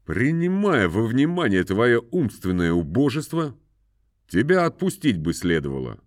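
A man's voice: mid-range voice, very animated, normal speed, dry recording, studio quality, pitched above the performer's own voice, natural voice. A man voicing a pompous country landowner who scolds and moralizes at length. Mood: moralizing. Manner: moralizing, scolding, sing-song.

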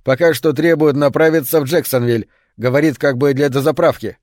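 Man reading calm airline captain, middle-aged, matter-of-fact, slightly high voice, dry sound. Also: a little fast, no room sound, close to an everyday voice.

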